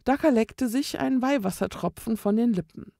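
A woman reading a children's book aloud in a calm, measured storytelling manner. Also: on the high side, gravelly, no echo, studio quality. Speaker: storybook reader.

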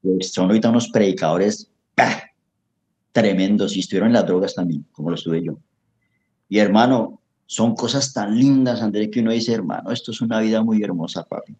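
A man's voice: lowish voice, a little fast, darkish tone. A middle-aged Colombian man with a Colombian accent, giving an earnest, preachy personal testimony in an interview and often calling the host brother. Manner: earnest, preachy, calls the host papi and hermano. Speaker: interview guest. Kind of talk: emotional testimony in casual chat.

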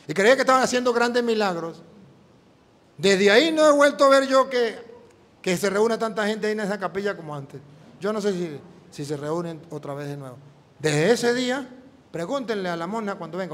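A priest preaches with a fairly high, animated voice, acting out the dialogue of his story as he goes. His words ring out with a long reverb, as in a big church hall. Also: slight background noise. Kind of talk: sermon with storytelling.

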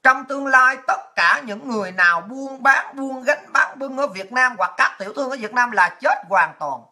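Woman commentator, sharp bright tone, swearing, crude and heated delivery. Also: high-pitched, animated, normal speed. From Vietnam. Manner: blunt, crude, fiery, swears a lot. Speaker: political commentator. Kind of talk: impassioned political rant to viewers.

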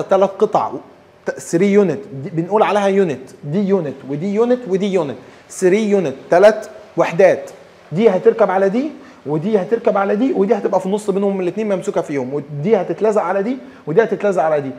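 A man with an Egyptian Arabic accent giving a lively dental lecture, acting out patients' questions and mixing in English terms. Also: high-pitched. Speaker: dentistry lecturer.

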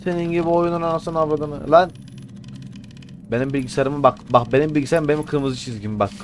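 A man's voice: fairly high pitch, steady tone, a little fast, a little hiss or hum. Crude man playing a horror game. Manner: crude, swearing, jokey reactions. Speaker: gamer. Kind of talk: horror game let's play commentary. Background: game music.

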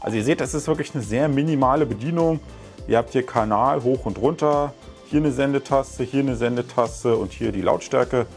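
With faint music behind him, a thirty-something tech reviewer chats about gadgets from his living room at home. His medium-pitched voice is creaky and a little mellow, at normal speed, and his explanations are casual and filler-heavy.

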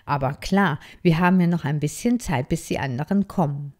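A woman's voice: low voice, a little fast, darkish tone, lightly acted. Woman voicing a friendly beach turtle. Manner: friendly, encouraging. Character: friendly cheerful female turtle, dance teacher.

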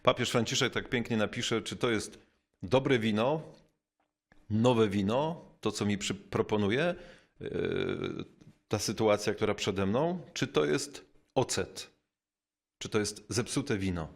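A man with a fairly low voice gives a reflective spiritual talk. He is thoughtful and unhurried, pausing often and dropping in small fillers, and slows down to stress the key words. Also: gravelly. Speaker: bishop giving a spiritual talk. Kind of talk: reflective spoken teaching.

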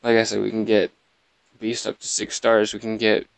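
A man's voice: on the low side, completely flat delivery, moderate pace, gravelly, dry recording. A man hosting a let's play, chatting casually and rambling, mocking himself and laughing often. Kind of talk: casual gameplay commentary.

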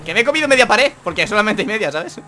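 High, bright-voiced young man. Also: very animated, very fast. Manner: loud, laughing, swearing playfully. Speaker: gaming YouTuber. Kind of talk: casual gameplay banter.

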